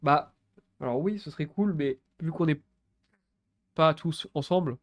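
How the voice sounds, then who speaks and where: This is a young man streaming gameplay and chatting in a casual, hesitant way. His nose sounds stuffed up, his pitch sits a little high, and he speaks a little slowly with no room sound, repeating himself and dropping mild swear words.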